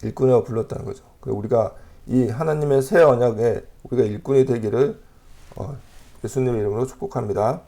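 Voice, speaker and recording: A pastor preaches a sermon, reading scripture aloud and explaining it in a measured way with frequent pauses. His mid-range voice is gravelly with a warm tone.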